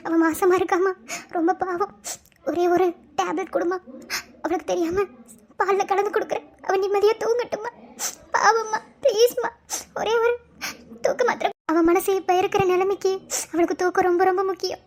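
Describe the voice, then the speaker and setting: Cartoon drama: woman as devoted young friend, high voice, pleading. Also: level tone, brisk, a little mellow. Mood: begging. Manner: coaxing, begging. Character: caring young female college friend.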